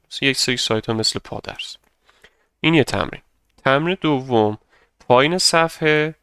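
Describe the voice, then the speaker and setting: A young man teaching an English grammar lesson, explaining patiently step by step and saying example sentences slowly for students to repeat. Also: medium pitch, sharp tone, smooth, no echo. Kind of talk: grammar lesson narration over slides.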